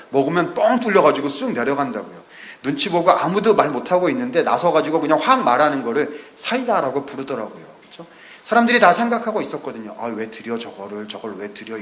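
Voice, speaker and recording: A man preaching a sermon in a lively, conversational way, often asking the congregation questions. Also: on the high side, roomy sound. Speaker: pastor. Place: church sanctuary.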